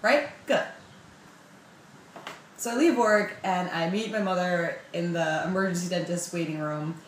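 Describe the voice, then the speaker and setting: Young woman, casual storytelling vlog, animated, swearing, self-mocking, roomy echo, faint ambience. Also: fairly low pitch, a little hiss or hum. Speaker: vlogger.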